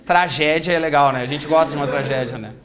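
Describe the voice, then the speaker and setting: A man's voice: fairly high pitch, fast, a crowd in the background. A male teacher, telling an anecdote animatedly to a classroom and acting out the voices. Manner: animated storytelling, acts out quoted voices. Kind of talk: classroom lecture with a told anecdote.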